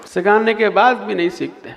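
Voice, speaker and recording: A man's voice: high-pitched, fairly even intonation, normal speed, gravelly, fairly bright tone, long reverb tail. A man, a monk teacher, chants Sanskrit verses and patiently corrects pronunciation, quizzing his listeners.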